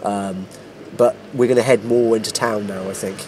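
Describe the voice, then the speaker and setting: A man's voice: lowish voice, steady tone, darkish tone, slight background noise. Chatty, enthusiastic man co-hosting. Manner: enthusiastic, chatty, quick to agree. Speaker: co-host. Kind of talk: casual pub chat. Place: pubs and streets in a busy city. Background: crowd chatter.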